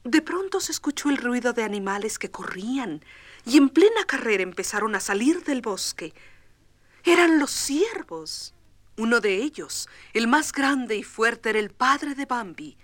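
A woman narrating a children's storybook record, expressive and tender. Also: a little high, a little slow, no echo.

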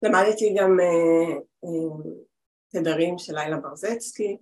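A woman's voice: on the low side, darkish tone. Chatty woman in her forties. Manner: chatty, rambling with restarts. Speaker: guest, spiritual healer. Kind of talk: casual interview over video call. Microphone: video call.

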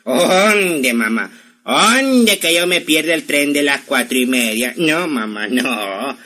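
A man's voice: on the high side, animated, slow, sharp tone, exaggerated voice. An actor playing a young man obsessed with trains who slips out of his mother's requests, in a radio drama. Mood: stubborn. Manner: evasive, teasing, slippery excuses.

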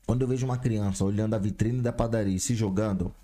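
Slangy man, dark voice. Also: lowish voice, fast. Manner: slangy, laughs often, animated when telling stories. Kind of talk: casual chat.

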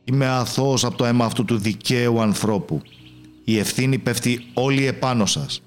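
A man voicing an anxious Roman governor in a storybook, questioning loudly and insistently. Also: medium pitch, soft background music, voice pushed up, natural voice. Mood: resigned.

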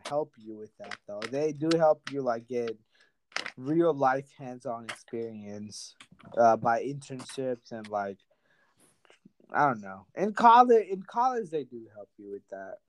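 A man's voice: medium pitch, sing-song, slow, slight background noise, rough recording. A drunk twenty-one-year-old man hosting a casual chat, laughing a lot, swearing heavily and rambling. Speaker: podcast host.

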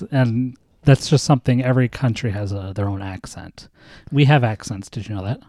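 American dad host, gently quizzing his kid, relaxed tone, dry close recording. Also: mid-range voice, moderate pace, no room sound. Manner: patient, teacherly, asks leading questions. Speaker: podcast host and father. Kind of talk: casual chat with his child.

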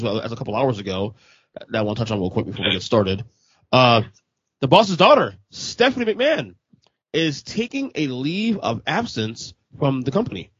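A man's voice: mid-range voice, slightly rough, no echo. A man hosting a casual podcast, loose and profane as he jokes with his co-hosts. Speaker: podcast host. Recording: dull lo-fi podcast audio.

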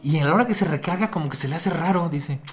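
A man's voice: a little high, fast talker, faint music behind. A man co-hosting a podcast, chatting casually and laughing often as he retells a story. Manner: laughs often, trails off and restarts. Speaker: podcast co-host. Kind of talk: casual chat recapping an anime.

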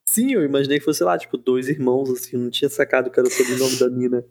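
A man's voice: mid-range voice, fairly even intonation, very fast, darkish tone. A man with a Brazilian accent co-hosting a podcast in casual, playful conversation. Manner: informal, playful. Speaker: podcast co-host. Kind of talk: casual chat.

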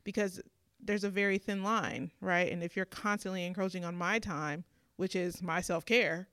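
A woman's voice: on the low side, steady tone, normal speed, fairly bright tone, smooth, dry recording. Earnest woman, dry close sound. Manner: thoughtful, earnest, reflective. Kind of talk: casual chat.

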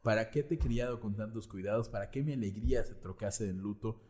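A man's voice: on the low side, brisk, a little mellow, in a large hall, close to an everyday voice. A man reading the lines of a grieving old mother, with a lightly mournful tone. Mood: lamenting.

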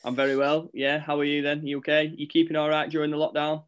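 This school podcast host is a man with a fairly high pitch, a clean tone, and a completely flat delivery, and he talks fast. After reading a scripted intro, he chats casually in an upbeat, encouraging way.

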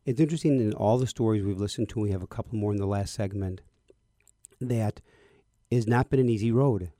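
A man's voice: fairly low pitch, fairly quick, dark tone, no room sound. A man hosting a religious radio talk show from a studio, with an upbeat announcer cadence. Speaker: radio host.

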